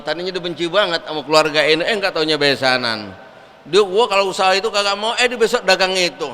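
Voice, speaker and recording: A male preacher giving a lively, colloquial sermon in a mosque. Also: on the high side, clear, resonant tone. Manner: lively storytelling, colloquial asides. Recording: echoey mosque hall.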